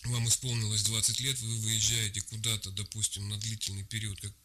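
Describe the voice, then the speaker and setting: A man's voice: fairly low pitch, level tone, brisk, sharp tone, slight background noise. A man speaking as an official guest in a radio interview. He explains things in a formal, bureaucratic way with frequent hesitations. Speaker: migration service official.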